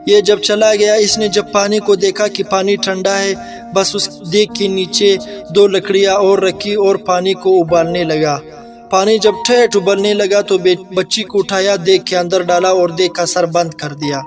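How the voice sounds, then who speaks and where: A man with a Pakistani Urdu accent narrates a folk tale in an easygoing, conversational way, pausing to restart a word now and then. His voice sits high and stays fairly even in pitch. Soft music plays underneath. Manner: plain, conversational retelling with restarts. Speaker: storyteller. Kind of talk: casual oral storytelling.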